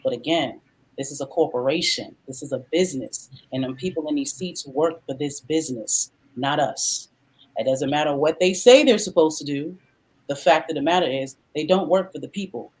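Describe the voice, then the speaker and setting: A woman's voice: low-pitched, normal speed, darkish tone, breathy edge, rough recording. A woman in her thirties, a guest in a podcast discussion, talking bluntly and emphatically. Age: 30s.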